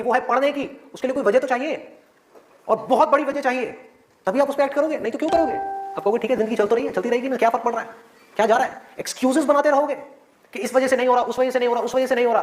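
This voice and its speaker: A male biology teacher giving a motivational talk to his students, with many rhetorical questions and a lively, persuasive manner. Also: very high voice, reverberant.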